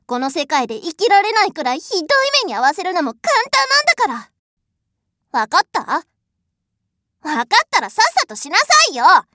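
A woman's voice: extremely high pitch, very animated, brisk, pushed and bright, no echo, clean studio sound, exaggerated voice. A woman playing a bratty, haughty rich girl. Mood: bossy, impatient. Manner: imperious, scornful, mocking. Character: haughty spoiled rich young lady, bossy and cruel. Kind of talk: adult audio drama role-play.

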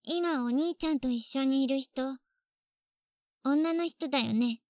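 A woman's voice: high-pitched, unhurried, darkish tone, no echo, clean studio sound. A woman playing a clingy yandere little sister. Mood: menacing. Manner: sweet then coldly jealous. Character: clingy possessive younger sister turning yandere. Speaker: voice actress in phone-call role-play. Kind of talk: phone-call role-play drama.

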